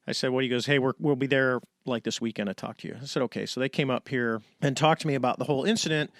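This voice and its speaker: A middle-aged American man tells his story in a relaxed interview, slipping into the voices of the people he quotes. His voice sits at an ordinary pitch for a man. The recording is close and dry, with no room sound. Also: no room sound. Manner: animated storyteller, acts out quoted dialogue. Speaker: interview guest, retired navy fighter pilot.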